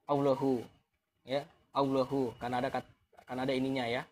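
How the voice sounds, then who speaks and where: A man's voice: medium pitch, level tone, fairly quick, a little mellow. Man taunting viewers on a live stream. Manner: taunting, challenging with rhetorical questions; chuckles mockingly between points.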